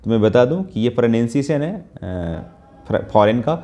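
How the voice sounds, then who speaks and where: Mellow-voiced man teaching a math lesson. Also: mid-range voice, lively intonation, a little slow. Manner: explains step by step, often checking in with listeners; mixes English math terms into Hindi. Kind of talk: Hindi math lesson with whiteboard.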